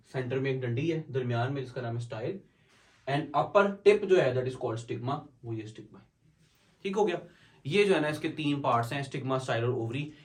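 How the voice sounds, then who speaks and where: A male biology teacher with a somewhat high, darkish voice gives a classroom lecture, captured from far away in an echoey room. Mixing Hindi with English, he answers questions he raises himself and slows down to dictate English definitions.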